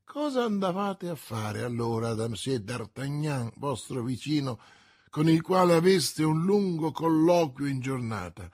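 A man voicing a stern, blustering male police commissioner who interrogates with brusque loud commands. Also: fairly high pitch, big pitch swings, unhurried, no room sound, studio quality, exaggerated voice.

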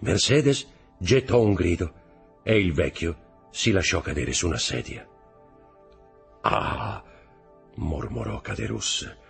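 A man narrating a novel aloud in a measured, dramatic reading style. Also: deep voice, sing-song, vocal fry. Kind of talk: audiobook narration. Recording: faint background music.

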